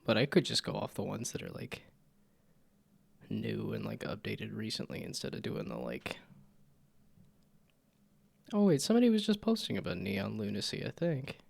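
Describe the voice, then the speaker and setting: Animated man streaming games, creaky voice. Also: lowish voice, normal speed, long pauses. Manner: jokey, thinks aloud. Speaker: game streamer, vtuber. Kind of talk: casual rambling game commentary.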